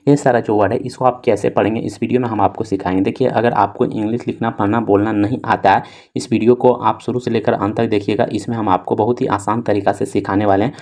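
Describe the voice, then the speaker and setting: Guy teaching english words, spells each one out slow, low mellow voice, keeps saying theek hai. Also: fairly even intonation. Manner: repeats filler "dosto" and "theek hai" often; slow, drawn-out spelling of letters. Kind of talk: spelling out and reading words on a board.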